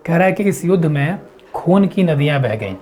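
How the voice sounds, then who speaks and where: A man teaching an exam-prep lesson, explaining step by step and answering his own questions, reading quiz lines slowly. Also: fairly high pitch, expressive, warm tone. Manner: reads English quiz lines slowly and deliberately.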